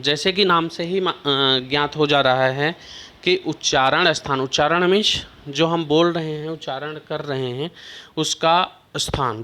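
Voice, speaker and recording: A male teacher with a fairly high voice takes an unhurried pace through a class lesson. He explains each point patiently and keeps checking that his students are following. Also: fairly bright tone. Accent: Hindi. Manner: slow, repeats "ठीक ना" as a check-in.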